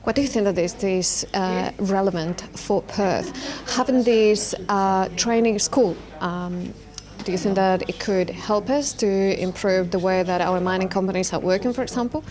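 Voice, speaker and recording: A woman reporter asking interview questions, halting and using fillers. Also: medium pitch, crowd noise.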